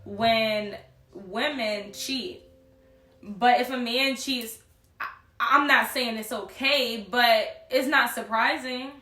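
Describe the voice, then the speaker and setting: A woman's voice: a little high, takes it slowly, pushed and bright, echoey room. A young woman co-hosting a podcast in casual chat, blunt and profane, laughing often. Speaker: podcast co-host.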